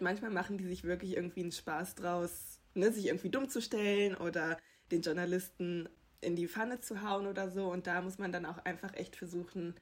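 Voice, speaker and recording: Young female reporter, slightly husky, chatty self-mocking storyteller. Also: medium pitch. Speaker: TV entertainment reporter. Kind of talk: casual interview answers, anecdotes.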